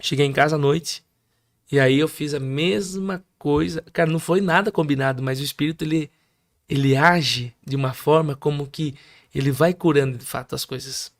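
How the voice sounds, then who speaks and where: Brazilian male guest preacher, high gravelly voice, animated testimony storyteller. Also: normal speed. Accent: Brazilian Portuguese. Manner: animated storyteller, acts out his mother's high crying voice. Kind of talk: testimony in casual conversation.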